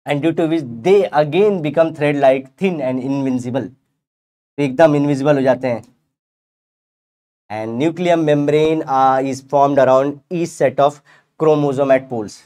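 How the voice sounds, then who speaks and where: A man teaching a biology revision lecture, explaining in Hindi with English terms, reading textbook lines slowly and asking the class questions. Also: mid-range voice, dark tone. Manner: playful analogies, asks the class rhetorical questions.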